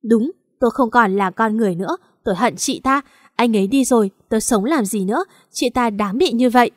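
A woman's voice: fairly high pitch, brisk, no room sound, clean studio sound, natural voice. A woman voicing a bitter, ruthless young woman. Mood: bitter defiant. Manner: harsh, defiant.

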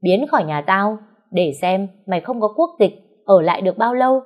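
A woman's voice: medium pitch, lively intonation, fairly quick, lo-fi sound, close to an everyday voice. A woman voicing a furious older mother-in-law who scolds in a harsh, contemptuous voice.

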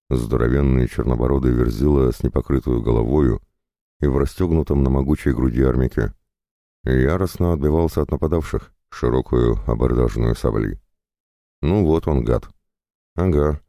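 Male audiobook narrator, extremely low gravelly voice, dry close sound. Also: warm tone, dry recording.

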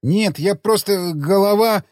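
A man's voice: high voice, measured pace, a little mellow, dry recording, clean studio sound, voice pushed up. A man voicing a timid, hungover young soldier who stammers and whimpers meekly in an audiobook. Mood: cowering. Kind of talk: audiobook character reading.

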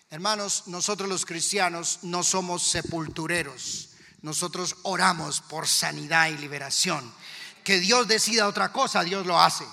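A pastor with a Colombian Spanish accent preaches a fervent sermon to his church congregation, firing rhetorical questions at the listeners. His voice is high, creaky, pushed and bright, with a big-room sound.

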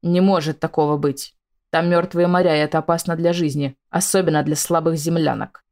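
A woman reading aloud, voicing an arrogant male alien usurper who talks slowly and sneers with menace. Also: low-pitched, fairly even intonation, a little mellow. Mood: sneering. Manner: slow, sneering, threatening.

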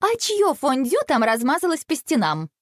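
A woman reading a storybook aloud and voicing a bossy, clever older sister with brisk, sharp retorts. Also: high voice, big pitch swings, dry recording, studio quality, pitched above the performer's own voice.

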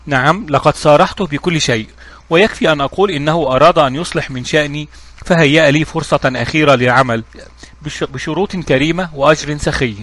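A reformed car thief insists on his honesty in an earnest, reassuring way, as a storyteller puts him on. He talks at a brisk clip. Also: a little high, a bit bright.

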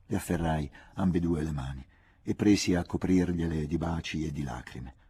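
A man reading a literary novel aloud in a measured, hushed, intimate way. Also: a bass voice, breathy edge. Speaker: audiobook reader. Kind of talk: literary audiobook narration.

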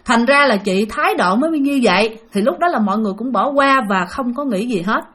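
A woman narrates a ghost story chattily, addressing her listeners directly. Her voice is a little high and fairly bright, animated and fairly quick.

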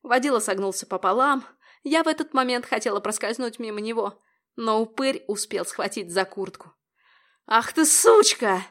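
Young woman, higher voice, first-person audiobook reading, tense and dramatic. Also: fairly quick, a bit bright. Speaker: audiobook narrator.

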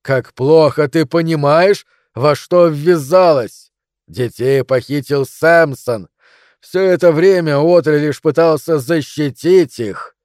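A man voicing a cruel male monster that hisses its words slowly with sickening glee. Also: on the high side, darkish tone, dry recording, clean studio sound. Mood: mocking. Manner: hissing, slow and mocking.

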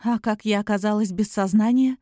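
A woman's voice: medium pitch, fairly quick, dark tone, no room sound, studio quality, lightly acted. A woman voicing a curious, stubborn young heroine in an audiobook, asking insistent questions.

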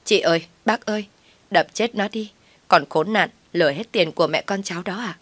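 Furious young woman, shrill and yelling, voiced by a woman narrator. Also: moderate pace, no echo, natural voice.

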